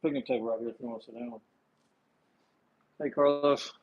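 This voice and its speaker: A man's voice: medium pitch, fairly even intonation, fairly quick, narrow, tinny audio. A man casually welcoming people outdoors and directing them to a picnic table to sit. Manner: friendly, directing guests to seats. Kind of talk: casual chat.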